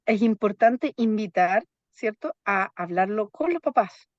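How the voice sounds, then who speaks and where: A woman's voice: medium pitch, animated, a little slow, no echo. Woman psychologist, dry dull sound. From Chile. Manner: keeps checking in with "¿ya?" tags. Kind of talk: explanatory interview talk.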